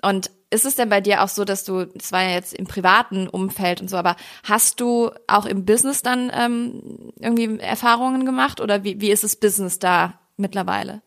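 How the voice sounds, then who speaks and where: A woman's voice: medium pitch, fairly even intonation, brisk, creaky, hardly any pauses, fairly bright tone. A woman from Germany hosting a podcast, asking questions in an engaged, reflective way with occasional fillers. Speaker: podcast host. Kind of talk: casual podcast interview.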